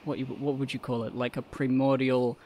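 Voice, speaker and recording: A man's voice: medium pitch, flat delivery, fairly quick, mellow. A man co-hosting a podcast in casual chat, hesitant and joking, often restarting his sentences. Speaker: podcast co-host.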